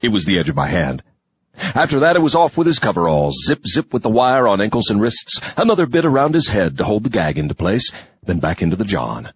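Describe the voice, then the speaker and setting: A man reading a first-person adventure story aloud in a wry, brisk storytelling manner, on a dull lo-fi recording. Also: fairly low pitch, very animated, husky, dry recording. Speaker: audiobook narrator. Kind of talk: first-person audiobook narration.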